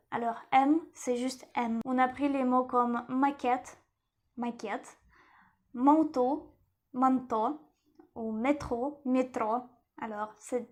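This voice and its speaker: A woman teaching a lesson in French, repeating each word slowly and carefully. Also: a little high, darkish tone. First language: Russian. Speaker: language teacher.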